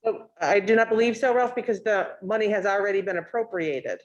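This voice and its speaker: A woman speaking in a town committee meeting over a remote video call, measured and full of um fillers, her audio choppy and cutting out on a weak connection. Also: mid-range voice, muffled recording. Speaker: committee member answering procedural questions.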